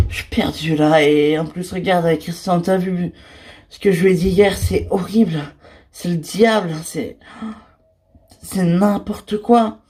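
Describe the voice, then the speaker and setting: A single performer carries a whole cast in an amateur toy-figure series. The voice sits at a middle pitch, hopping up and down between characters in loose, filler-heavy everyday dialogue. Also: darkish tone.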